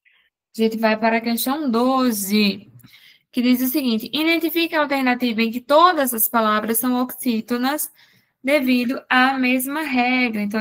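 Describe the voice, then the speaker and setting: A woman teaching an exam-prep grammar lesson, explaining step by step and asking herself quick rhetorical questions. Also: a little high. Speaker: Portuguese teacher.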